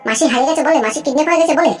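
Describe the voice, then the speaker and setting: A woman's voice: high-pitched, very fast, close to an everyday voice. A woman voicing a young boy in a cartoon who asks earnest, questioning things. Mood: suspicious. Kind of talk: cartoon voice acting.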